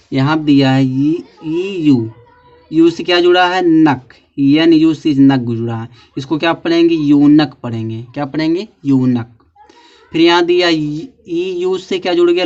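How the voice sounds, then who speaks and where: A man teaching a pronunciation lesson, posing questions and answering them himself and spelling out letters slowly. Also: fairly high pitch, a little mellow. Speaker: English teacher. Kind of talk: classroom-style pronunciation lesson. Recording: dull lo-fi recording.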